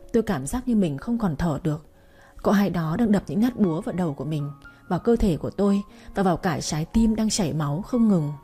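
A woman's voice: mid-range voice, mellow, slightly rough. A woman narrating a first-person romance story in a mournful, emotional way, like an audiobook reading.

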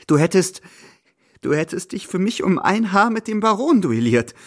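A man's voice: sing-song, a little fast, breathy edge. A male reader voicing a bitter, volatile young woman with a scornful, hissing manner in a dramatic audiobook reading. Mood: pleading. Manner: hissing, scornful, pitch climbing high.

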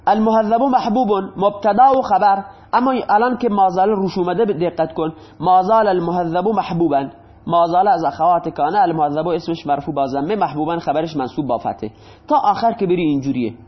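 A man's voice: high voice, slightly rough. A male teacher giving a grammar lesson, patiently repeating examples and asking questions that he then answers himself. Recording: dull lo-fi recording.

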